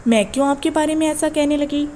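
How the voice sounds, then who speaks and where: A feisty young heroine, acted by a woman narrator, sharp-tongued and sarcastic, easily flustered. Her voice is on the high side, over a faint background hiss. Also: fairly even intonation, lightly acted. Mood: protesting.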